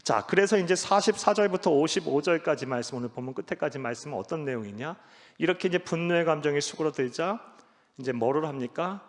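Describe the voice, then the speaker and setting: A man preaching a sermon as pastor, emphatic, swinging between loud exhortation and low, quiet passages. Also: lively intonation, brisk. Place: church sanctuary. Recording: church hall reverb.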